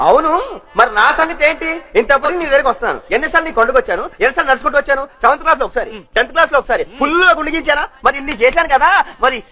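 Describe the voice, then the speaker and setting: A man's voice: high-pitched, big pitch swings, rapid-fire, pushed and bright, heavily acted. An actor playing a chatty, cheeky young man who pleads for a chance in films, in feature film dialogue. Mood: cheeky pleading. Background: film music.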